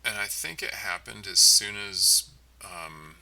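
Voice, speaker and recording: A game developer livestreams casual coding commentary, thinking aloud in a halting, muttering way. His voice is deep and gravelly with a bright, forceful tone, but he's far from the mic in a rough recording. Typing and mouse clicks can be heard.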